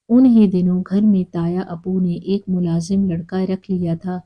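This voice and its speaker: A woman reads a first-person moral story aloud in a calm, steady way. Her voice is very dark and mellow, and sits a little low for a woman.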